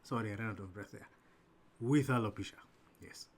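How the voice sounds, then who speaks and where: A man with a lowish voice talks fairly quickly as he hosts and moderates a webinar Q&A over a video call. He sounds friendly and grateful, though he stumbles and restarts while reading out the questions.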